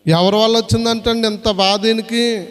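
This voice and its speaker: A man's voice: sits high, steady tone, moderate pace. A man preaching a sermon as pastor, repeatedly urging the congregation to answer aloud. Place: prayer hall. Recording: long hall reverb.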